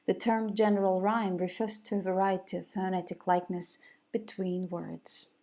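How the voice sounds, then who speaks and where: A woman's voice: mid-range voice, flat delivery, moderate pace, mellow. A woman giving a recorded video lecture, hesitant, with many fillers and restarts.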